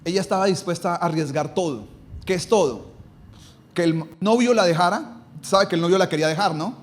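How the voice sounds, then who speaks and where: A man's voice: high-pitched, fairly quick. A male pastor preaching a sermon emphatically, stretching out and lifting his key phrases.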